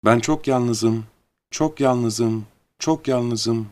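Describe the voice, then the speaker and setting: A man voicing a mountain echo that repeats words slowly and fades off. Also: medium pitch. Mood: hollow. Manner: slow, repeating, fading.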